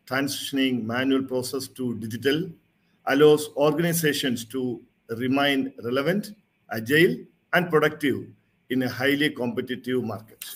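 Formal man giving an online keynote. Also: medium pitch. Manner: formal, reads slides in a measured presenter tone. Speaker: keynote speaker. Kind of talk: prepared conference keynote. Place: home or office, seen on video call. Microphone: video call webcam mic.

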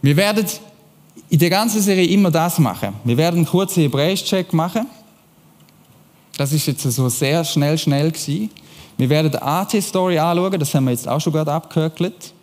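A man's voice: a little high, fairly quick, a little mellow. A young man with a Swiss German accent giving a casual youth sermon, explaining things chattily with rhetorical questions. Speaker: youth church preacher. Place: church hall. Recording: long hall reverb.

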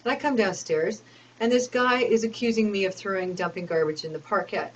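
A woman's voice: medium pitch, fairly quick, a little hiss or hum, low-quality recording. A woman telling a rambling personal story, aggrieved and complaining, with many fillers and restarts.

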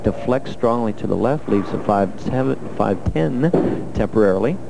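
A man's voice: fairly low pitch, animated, moderate pace, vocal fry, heavy background noise. A man giving color commentary on a televised bowling match, breaking down each shot in a coaching way. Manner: analytical, coaching-style breakdown of shots.

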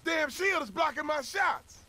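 An actor playing a brash, hot-headed male mercenary who shouts combat lines in video game dialogue. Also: very high-pitched, animated, measured pace, a little hiss or hum, full character voice.

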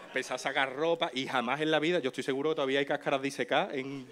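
Fast-talking man in casual chat. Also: mid-range voice, steady tone, a bit bright, a little hiss or hum. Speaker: talk show guest.

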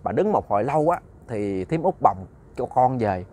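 Male ghost-story narrator, conversational and animated, speaks to listeners directly. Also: mid-range voice, normal speed. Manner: conversational, repeats words, addresses listeners as "cả nhà".

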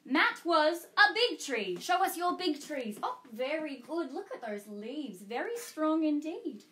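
A woman playing Tinkerbell, a bubbly, excitable fairy leading a children's story time and movement session. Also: high voice, unhurried, echoey room, heavily acted. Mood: cheerful. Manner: bubbly, exclaiming, sing-song. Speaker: children's party entertainer.

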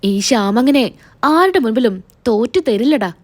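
A woman puts on a scheming young man, pushy and resentful in a retold TV serial. He coaxes and wheedles, then turns threatening. The voice stays high and light. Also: animated, measured pace. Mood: menacing.

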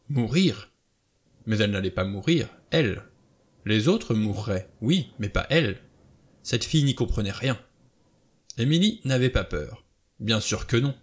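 A man calmly narrating a novel as an audiobook reader. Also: fairly low pitch.

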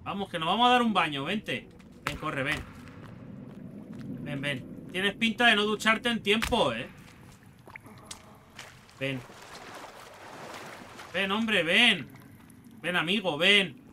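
A man's voice: sits high, lively intonation, slow, pauses often, bright, forceful tone, slight background noise. A man with a Spain Spanish accent giving crude, joking let's play commentary and taunting the enemies he fights. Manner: swearing, joking, talks to enemies. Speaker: gaming youtuber.

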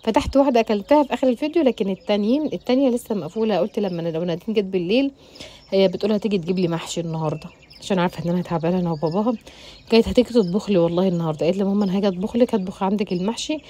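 A middle-aged woman with an Egyptian accent, chatting rapidly and directly to her viewers as a home cooking vlogger. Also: mid-range voice, dark tone, slight background noise. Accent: Egyptian Arabic. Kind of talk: casual chatty storytelling to viewers.

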